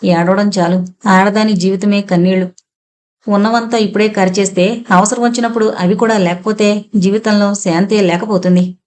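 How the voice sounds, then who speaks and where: A woman voicing an earnest young man who pleads quickly with his bride-to-be in an audiobook novel. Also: medium pitch, fairly even intonation, a little mellow, close to an everyday voice. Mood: gentle.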